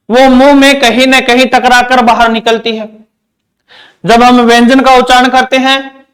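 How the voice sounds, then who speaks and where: A man's voice: very high-pitched, a bit bright. A male teacher giving an exam-prep grammar lecture, repeating points and asking questions he answers himself. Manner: repetitive question-and-answer drilling.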